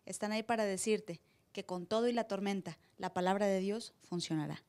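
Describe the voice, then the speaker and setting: A woman pastor preaching a sermon live in church, acting out voices with sudden loud cries. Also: medium pitch, a little fast, smooth.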